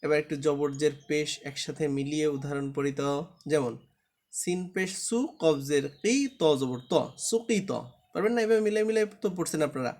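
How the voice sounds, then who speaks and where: Male teacher, fairly high voice, patient, repeats letter sounds for an online class. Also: fairly quick, darkish tone. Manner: patient, drills letters aloud, asks the class to check understanding. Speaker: Quran reading teacher.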